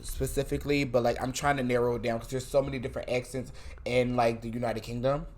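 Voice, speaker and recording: A man's voice: medium pitch, flat delivery, fast, darkish tone. A man co-hosting a podcast, talking in a rambling way with many restarts. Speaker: podcast co-host. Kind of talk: casual podcast chat.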